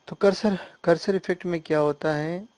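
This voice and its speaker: A man talks through a software tutorial on his computer. His voice sits on the higher side and stays flat and even as he explains each step, often stopping to make sure the listener is following. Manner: hesitant fillers and restarts while working on screen. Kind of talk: screen-recorded software tutorial.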